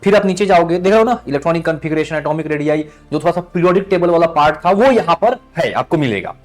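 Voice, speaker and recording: Guy teaching chem, keeps asking "thik hai?", a bit high pitched, soft music behind. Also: animated, fast. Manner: addresses students as "beta", checks with "thik hai?". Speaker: chemistry teacher. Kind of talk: online exam-prep lesson.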